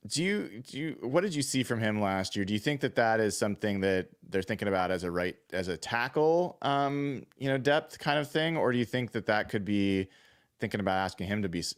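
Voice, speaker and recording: Low-voiced podcast host, smooth tone. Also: male voice, expressive, brisk. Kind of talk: casual podcast interview.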